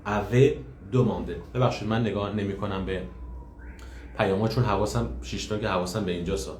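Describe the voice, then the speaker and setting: A man's voice: on the low side, fairly even intonation. A man teaching French in a live online class, patiently explaining and repeating each phrase. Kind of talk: live online language lesson. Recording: echoey room, faint hiss.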